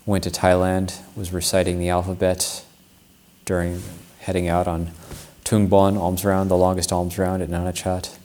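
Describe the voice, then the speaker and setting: In a low, monotone voice with a slightly mellow quality, a Buddhist monk tells a personal story during a Dharma talk. He speaks reflectively and without hurry, often restarting his sentences.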